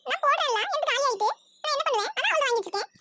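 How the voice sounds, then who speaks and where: Lady doing a shrill tattling teen girl, super fast complaining. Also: lively intonation, pushed and bright, dry recording, full character voice. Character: squabbling teenage girl, complaining about her sister.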